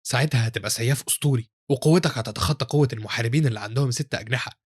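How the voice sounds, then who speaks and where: A man with an Egyptian Arabic accent voicing a stern, scheming noble father who speaks in a measured, commanding way. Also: mid-range voice, husky, no room sound, clean studio sound, close to an everyday voice.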